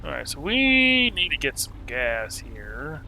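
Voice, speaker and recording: A man's voice: on the high side, sing-song, slow pace, gravelly. A man with a put-on French accent reading a game's narration aloud theatrically, dropping into casual asides as he plays. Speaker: gamer playing and reading a narrative game aloud. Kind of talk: video game playthrough, reading narration aloud. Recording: loud music behind the voice.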